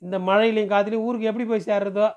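A man's voice: high voice, little pitch movement, very fast, a little mellow, muffled recording, close to an everyday voice. A man voicing a pushy, talkative middle-aged village man who fires off questions in rural speech in an audiobook. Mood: pressing, coaxing. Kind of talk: audiobook character voice.

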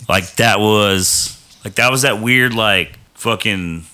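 Young guy with a low, bright voice, rambling and profane in casual chat. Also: takes it slowly. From Texas. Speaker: podcast guest.

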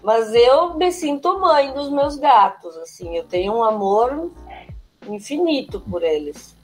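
Chatty woman author, higher voice. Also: animated, slow, faint music behind. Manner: chatty, frequent tag questions. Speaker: children's book author and teacher. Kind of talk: casual interview answers.

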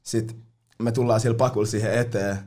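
A man's voice: lowish voice, fairly even intonation, darkish tone. A young man telling party stories in casual chat, full of slang and swearing, often mimicking other people.

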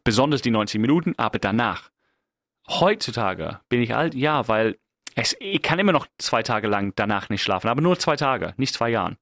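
Middle-aged English guy, non-native German, animated, self-mocking, close and dry. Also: medium pitch, normal speed, no room sound. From England. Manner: animated, self-mocking, many fillers and restarts. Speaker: podcast host. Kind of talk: casual monologue.

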